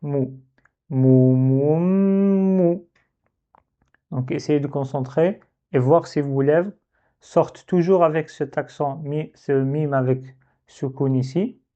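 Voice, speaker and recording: A man gives a slow, step-by-step reading lesson, repeating each syllable patiently for learners. His voice is mellow and unhurried. The recording sounds dull and lo-fi. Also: on the high side, steady tone. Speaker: Arabic reading teacher.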